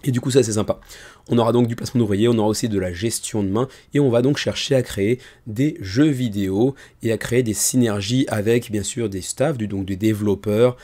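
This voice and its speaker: A man presenting a show casually and informally, keeping his tired voice low and soft, close to the microphone. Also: a little fast. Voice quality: tired voice, held back to spare it. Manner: informal, chatty, self-deprecating. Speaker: host of a board game crowdfunding video show. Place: small room indoors. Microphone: microphone about ten centimetres from the mouth.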